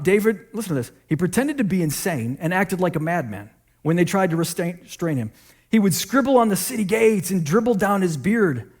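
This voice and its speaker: High-voiced man preaching conversationally. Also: darkish tone. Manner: conversational, asks the audience questions; retells stories in a casual everyday way. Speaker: pastor. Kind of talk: sermon.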